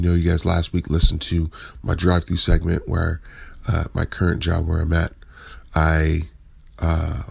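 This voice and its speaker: A man's voice: sits low, creaky, a little mellow, slightly rough, dry recording. A man hosting a casual solo podcast, sounding groggy and unwell, rambling informally and correcting himself as he goes. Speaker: podcast host.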